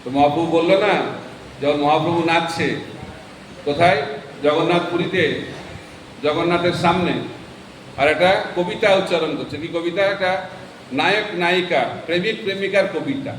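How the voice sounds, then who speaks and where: Monk giving a scripture talk, kinda high voice, big echoey hall, sounds far from the mic, asks the crowd stuff. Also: male voice, fairly even intonation, moderate pace, pauses often, fairly bright tone, a little hiss or hum. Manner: teaching by questions and answers with the audience. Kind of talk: sermon. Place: temple hall.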